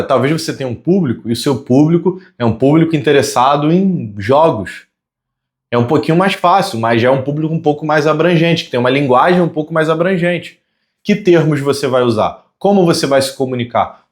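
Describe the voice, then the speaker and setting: Fast-talking Brazilian man, higher voice. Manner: conversational, many rhetorical questions, stretches words slowly for emphasis; self-described fast talker. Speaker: communication consultant. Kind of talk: direct-to-camera teaching monologue.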